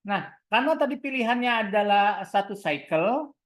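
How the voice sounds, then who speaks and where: With an expressive, mid-range voice at a moderate pace, a woman with an Indonesian accent guides viewers through an online equipment tutorial step by step. As a product trainer teaching software, she tends to pose questions and supply the answers herself.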